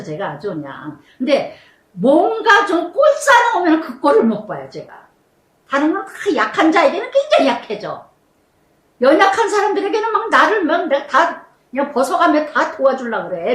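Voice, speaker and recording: A middle-aged woman pastor preaching a sermon with personal testimony, storytelling animatedly and slowing down to stress repeated phrases. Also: high-pitched, sing-song, fairly bright tone. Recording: echoey room, mic at a distance.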